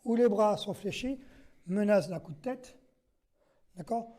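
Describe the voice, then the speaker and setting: High and warm, the instructor's voice moves at a measured pace through a self-defense demonstration. He's methodical, counting each move, issuing short commands to his partner, and asking "d'accord?" along the way.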